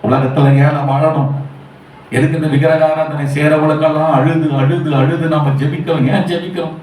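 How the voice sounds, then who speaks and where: A man's voice: on the high side, little pitch movement, a little fast, a little mellow, distant mic. A male pastor preaching a Sunday sermon in Tamil with a Tamil Nadu accent, urging his listeners with repeated questions. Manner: repeats rhetorical questions, urgent and pleading. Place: church hall. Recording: echoey church hall from afar with faint hum.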